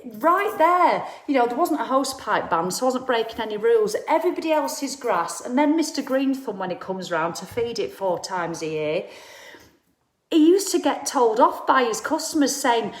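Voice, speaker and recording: A woman in her 50s, her voice on the high side with big pitch swings at normal speed, in a roomy-sounding space. She hosts a casual live talk for viewers, chatty and blunt, swearing and acting out the people she quotes.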